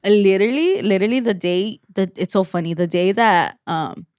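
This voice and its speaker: A woman's voice: medium pitch, normal speed, a little mellow, clean tone, no echo, clean studio sound. A woman co-hosting a podcast in casual chat, rambling with lots of "like" fillers and restarts. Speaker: podcast co-host.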